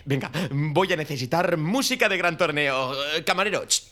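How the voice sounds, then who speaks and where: A man's voice: fairly high pitch, animated, normal speed, sharp tone. A man playing a hyperactive youtuber who talks like a hyped showman.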